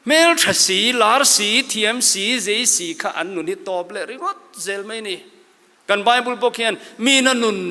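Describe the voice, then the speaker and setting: A man's voice: high voice, bright, forceful tone. A church elder from Mizoram giving an earnest, exhorting motivational sermon to young people, quoting scripture as he goes. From Mizoram, India. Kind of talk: sermon-style motivational speech. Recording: long hall reverb.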